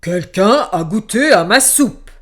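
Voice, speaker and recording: A woman voicing a huge papa bear who shouts every line in a big loud voice, in a children's storybook reading. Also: medium pitch, expressive, takes it slowly. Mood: indignant. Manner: shouting loudly.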